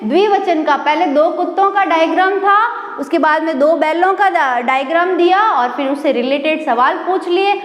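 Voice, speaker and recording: A school Sanskrit teacher with a very high voice gives a recorded online lesson, unhurried and patient. She repeats words slowly and asks the class questions, and the room echoes with a long reverb.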